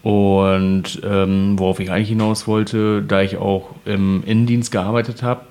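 A man with a fairly low voice chatting casually among friends. He tells stories from work at an easy pace. He often pauses on fillers before going on. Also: little pitch movement, darkish tone. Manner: hesitant, many fillers, acts out callers' voices. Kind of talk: casual chat.

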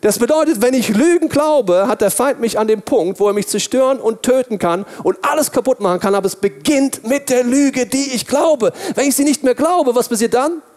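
A man preaching a sermon, asking and answering his own questions, swinging between loud bursts and hushed lines. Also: very high voice, normal speed, hardly any pauses.

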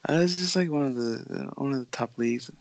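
With a very deep, gravelly, slightly mellow voice and a brisk delivery, a young pro basketball player chats on a podcast. Born in the Bahamas and raised in Florida, she comes across as easygoing and laid-back, laughing often. There's no room sound.

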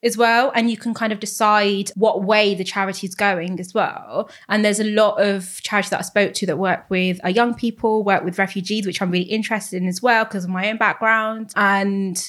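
A woman's voice: mid-range voice, steady tone, normal speed, few pauses, fairly bright tone. A young British woman in her twenties who says her v's like w's, chatting casually as an interview guest and often saying "like" and "kind of". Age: 20s. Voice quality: speech quirk, says w for v.

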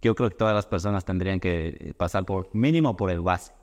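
Un hombre que conduce una entrevista informal, habla con muletillas y vacilaciones y reacciona con interjecciones suaves. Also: male voice, low-pitched, a little fast, long reverb tail. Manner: reacts with soft interjections, hesitant phrasing. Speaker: host. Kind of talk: casual conversational interview.

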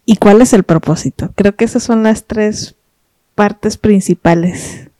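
Slow, mellow-voiced woman podcaster. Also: mid-range voice, no echo. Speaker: podcast host and interviewer. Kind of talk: casual chat.

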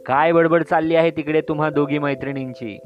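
A man's voice: on the high side, steady tone, fairly quick, close to an everyday voice. A man voicing a showy, flirty male cooking teacher in a storybook reading, sprinkling in English phrases, on a dull lo-fi recording with faint music.

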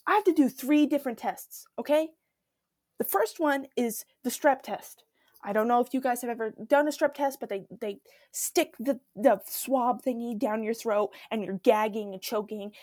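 A young woman hosting her own podcast, telling a dramatic story in a chatty, animated way while sick with strep throat. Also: a little high, no room sound, clean studio sound. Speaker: podcast host. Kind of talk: casual solo storytelling.

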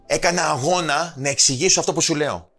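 Slightly high and fairly bright, the voice belongs to a podcast guest, a personal trainer and author, who argues with passion and emphasis. He curses freely and puts on voices to quote people, with faint music behind him.

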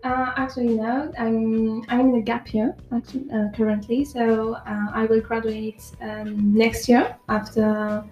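A woman's voice: a little high, flat delivery, unhurried, few pauses, darkish tone, muffled recording. A woman in her early twenties from France, with a French accent, answering casually and hesitantly as a radio guest. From south of France. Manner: hesitant, searching for words. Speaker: volunteer guest on a radio show. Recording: roomy echo, faint music behind.

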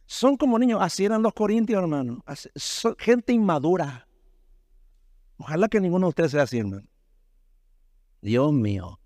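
A male pastor delivers a sermon in a somewhat high voice. He leaps up for emphasis, then sinks into low asides, and keeps asking his listeners "right?" The recording is close and dry, with no room sound. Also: lively intonation, normal speed, long pauses, a little mellow, no echo. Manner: preaching with sudden rises and drops in pitch, many rhetorical tag questions.

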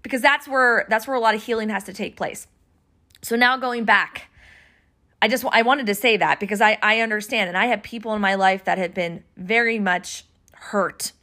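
A woman's voice: mid-range voice, normal speed, bright, forceful tone. A woman hosting a podcast, talking earnestly about her past relationships in a reflective monologue, her voice emotional and near tears. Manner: earnest, emotional, wandering with many restarts. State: tearful, emotional voice. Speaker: podcast host.

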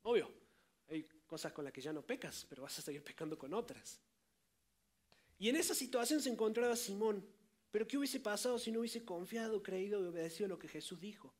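A man's voice: sits high, fairly quick. A man preaching a sermon, speaking directly to his listeners and acting out scripture quotes with dramatic voices. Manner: colloquial asides, addresses listeners directly.

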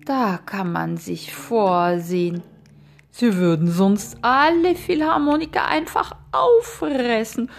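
This is a pompous male frog conductor from a storybook fable, put on by a woman reader. He lays out fussy instructions to his players in a slow, gravelly voice. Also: fairly high pitch, expressive, faint music behind, heavily acted. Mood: relieved. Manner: fussy, instructive orders to the orchestra.

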